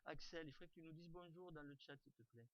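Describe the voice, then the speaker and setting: On a video call, a man leads an online class over his computer mic, talking casually and often restarting or filling gaps. He speaks quickly in a slightly high voice, and the recording is dry.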